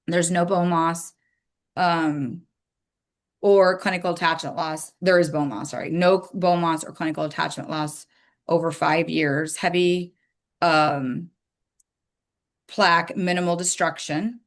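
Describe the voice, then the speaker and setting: Woman, dental hygienist, slightly low voice, chatty webinar lecture, apologetic asides, computer mic on video call. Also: fairly even intonation, measured pace.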